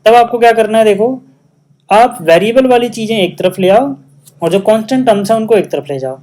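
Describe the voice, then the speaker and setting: A man's voice: high-pitched, fairly quick, darkish tone. A man with a Hindi accent teaching a maths lesson step by step at a whiteboard, often checking that students follow and mixing English maths terms into his Hindi. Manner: patient, step-by-step explaining with frequent check-in questions.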